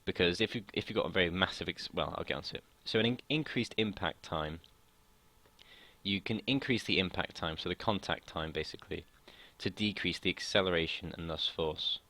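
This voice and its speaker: This deep-voiced young man from the UK, a student tutor, moves briskly through a relaxed physics explanation, stumbling and starting sentences over as he goes. Long talking has left him slightly croaky, and his delivery comes across pushed and bright.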